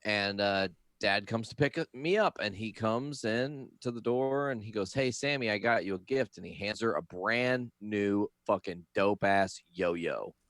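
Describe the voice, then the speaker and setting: A man's voice: on the low side, unhurried, hardly any pauses, no echo, studio quality. A man co-hosting a podcast who tells a childhood story casually, swearing now and then. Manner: relaxed, swears casually, acts out quotes. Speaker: podcast co-host, parent.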